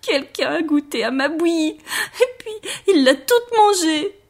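Little bear cub, tearful and easily excited, squeaky whiny voice, a woman voices it. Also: unhurried, exaggerated voice.

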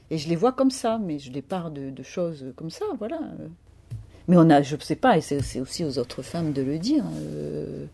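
A woman's voice: medium pitch, dark tone. A woman in her fifties speaking as an author in an interview, reflective and searching for her words. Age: 50s. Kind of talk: interview conversation.

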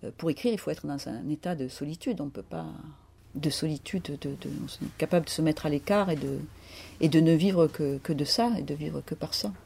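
A woman's voice: low-pitched, fairly quick, creaky, warm tone, slight background noise. A woman in her fifties speaking as an author in an interview, reflective and searching for her words. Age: 50s. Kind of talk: interview conversation.

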